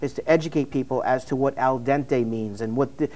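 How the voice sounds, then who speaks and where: Young Italian-born restaurateur, male, quick and rambling, average pitch. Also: a little mellow. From Italy. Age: 20s. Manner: eager, rambling, many restarts and "you know"s. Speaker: restaurant owner and chef. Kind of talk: TV interview guest.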